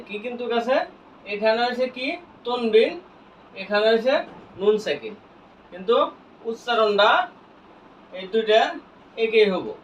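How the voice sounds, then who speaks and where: A man teaching Quran reading, who asks each point as a question, answers it himself, and spells out letters slowly. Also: sits high, slight background noise. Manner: slow, drawn-out spelling of letters. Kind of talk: classroom lesson with call-and-response questions. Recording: echoey, distant, dull lo-fi room sound.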